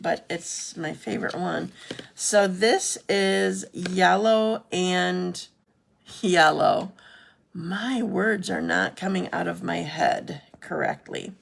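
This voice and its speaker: Lady doing a live card-making demo, super gravelly fry, chats with viewers and fixes her own words as she goes. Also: on the low side. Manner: chatty, self-correcting, answers viewer comments. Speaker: craft demonstrator hosting a live stream. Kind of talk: casual live craft demo.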